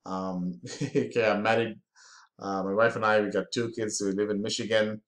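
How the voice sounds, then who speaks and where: A man's voice: lowish voice, level tone, moderate pace, echoey room. A man in his forties, from India, giving a casual, filler-heavy screen-share tutorial on online marketing.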